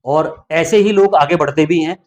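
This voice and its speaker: A podcast host with a fairly high voice speaks at a moderate pace, giving motivational interview talk. His tone is encouraging and somewhat preachy.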